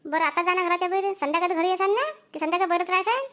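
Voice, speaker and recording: Woman voicing a sharp-tongued young daughter-in-law. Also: extremely high pitch, racing. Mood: scolding. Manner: scolding, quarrelsome. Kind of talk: cartoon comedy voice acting.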